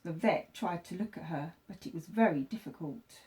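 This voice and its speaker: A woman teacher reading a children's story aloud, with expressive, deliberate phrasing for young listeners. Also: on the low side.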